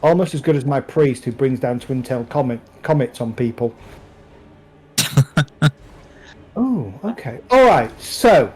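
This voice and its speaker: A man running a tabletop role-playing game on stream. He narrates scenes and talks rules in a relaxed way, with pauses and fillers. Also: mid-range voice, slightly rough, soft background music, rough recording. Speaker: game master.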